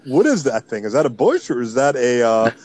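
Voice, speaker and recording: A man in casual chat, joking and reacting quickly. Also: mid-range voice, sing-song, crowd noise.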